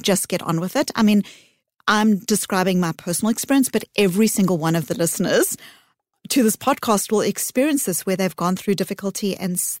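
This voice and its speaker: A middle-aged woman, a psychologist giving earnest, measured interview answers with thoughtful pauses. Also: mid-range voice, darkish tone, no room sound, clean studio sound. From South Africa. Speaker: psychologist guest.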